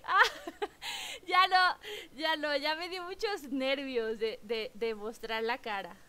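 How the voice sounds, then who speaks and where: A young Mexican woman chatting excitedly with her viewers while streaming a game, exclaiming and bubbly. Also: sits high, slow. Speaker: gaming streamer. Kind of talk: live-stream chat while gaming.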